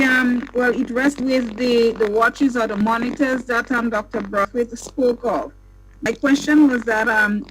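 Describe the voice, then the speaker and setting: Reporter, woman, remote call with fuzzy distortion and background noise, halting delivery, slightly high voice. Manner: hesitant, halting with many fillers. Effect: distorted remote call audio with background noise. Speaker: journalist asking questions. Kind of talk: press briefing question.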